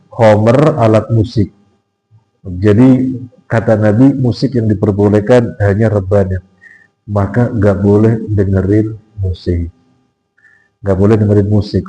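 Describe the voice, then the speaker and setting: A man in a mosque giving a casual sermon as an ustadz, teasing the audience with questions and acting out quoted voices in a strained, raised pitch. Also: mellow, rough recording. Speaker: ustadz giving a pre-Ramadan study talk. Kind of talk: informal sermon.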